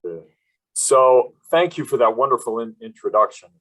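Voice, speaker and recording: A man from Wisconsin, medium-pitched and fairly bright, presents a webinar over a video call at a moderate pace. He rambles, filling his talk with fillers, restarts, and self-corrections, and the recording quality is low.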